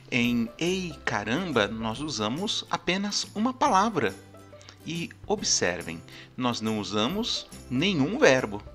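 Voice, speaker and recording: A man teaches a recorded grammar lesson at an unhurried pace. His pitch moves a lot as he explains each point step by step, often pausing to check that listeners follow. Soft music plays faintly behind him. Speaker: language teacher.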